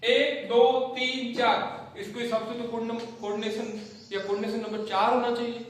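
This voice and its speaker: A man's voice: very high voice, flat delivery, unhurried. A man teaching a chemistry class, talking to students as children, counting aloud and asking questions he answers himself. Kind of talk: classroom lecture. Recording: very echoey room, voice far from mic.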